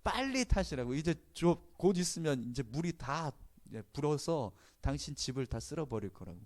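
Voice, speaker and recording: A man's voice: a little high, big pitch swings, a little mellow, pitched above the performer's own voice. A man doing an urgent flood rescuer. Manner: urgent, hurried urging.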